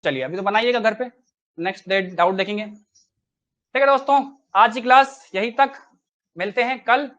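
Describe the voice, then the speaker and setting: A man's voice: high voice, a little fast, a bit bright, muffled recording. A man teaching a live online maths class, chatty and coaxing, who keeps quizzing his students with rhetorical questions.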